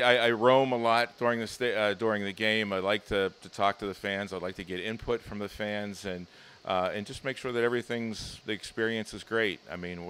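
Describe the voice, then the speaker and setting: Low-voiced middle-aged man, easygoing. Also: a bit bright, slight background noise. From Pittsburgh. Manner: easygoing, hesitant with fillers. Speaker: team president. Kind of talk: casual interview answers. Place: stadium offices and deck. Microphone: handheld mic held by interviewer.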